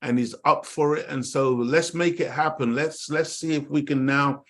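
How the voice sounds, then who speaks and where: This man's voice is on the high side, steady in tone and moderate in pace, heard through an online call. Middle-aged and from Jamaica, he co-hosts a talk show, preaching in an impassioned monologue full of emphatic repetition directed at his "dear family."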